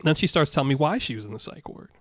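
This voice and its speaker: Guy in his young adult years, podcast co-host, animated storyteller, slightly high voice, dry close mic. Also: racing, dry recording. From Michigan. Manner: animated anecdote-telling, acts out quoted dialogue. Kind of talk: casual storytelling chat.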